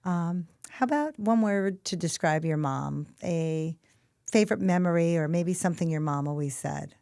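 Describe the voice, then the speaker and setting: Woman, middle-aged, podcast host, gentle, affectionate, dry close sound. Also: on the low side, normal speed, creaky, no room sound. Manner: gentle, affectionate, calls guests honey. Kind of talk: heartfelt conversation and closing reflection.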